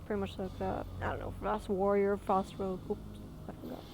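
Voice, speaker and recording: A woman's voice: medium pitch, animated, brisk, creaky, noisy background. A woman gaming host giving casual walkthrough commentary and reading quest text aloud. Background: game music.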